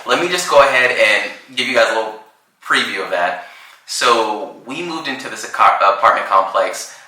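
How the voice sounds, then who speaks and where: A man in his thirties co-hosting a podcast, telling a story in a casual, animated, slangy way with frequent laughs. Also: mid-range voice, normal speed, very echoey, poor audio. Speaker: podcast co-host.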